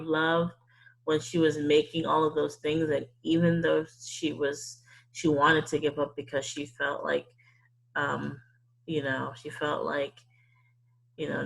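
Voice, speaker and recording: A woman with a low voice and vocal fry hosts storytime, chatting casually and encouragingly as she explains things to children. She repeats words for emphasis, and the recording sounds rough.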